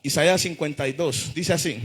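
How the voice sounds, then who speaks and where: A male pastor preaching a fervent sermon to a church congregation. He calls out to the people and rises into shouted refrains. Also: a little high, fairly quick, slightly rough. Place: church service before a congregation.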